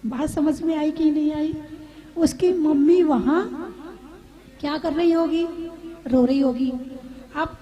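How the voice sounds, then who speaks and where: A woman's voice: high voice, fairly even intonation, takes it slowly, pauses often, dark tone, dull audio. A woman preacher giving a sermon to a seated audience, repeating her points and asking listeners questions. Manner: repetitive, asks the audience questions. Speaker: Jain preacher. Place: live gathering with seated audience.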